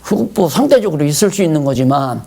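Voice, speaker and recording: Older guy pastor giving a bible lecture, voice a bit high, swings up and down a lot, mimics people griping at god. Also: fast, vocal fry. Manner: animated, acts out complaints to God in a raised voice.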